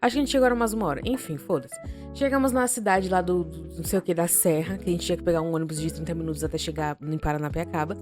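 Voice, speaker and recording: A young woman with a Brazilian accent, co-hosting a podcast and telling a story in a casual, slangy, swearing way. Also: on the low side. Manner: animated, slangy and profane, quick shifts in loudness. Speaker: podcast co-host.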